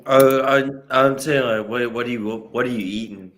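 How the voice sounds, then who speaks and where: A man chatting casually while reacting to videos on a stream, halting and repeating his words, with many fillers. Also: medium pitch, steady tone, fairly bright tone. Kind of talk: casual chat.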